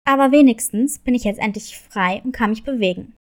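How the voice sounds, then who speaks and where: Woman putting on a grumpy gruff wolf. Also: on the high side, a little fast, voice pushed down, close to an everyday voice. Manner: gruff, growling, gets loud. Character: grumpy gruff male wolf, trapped, suspicious. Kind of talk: storybook reading.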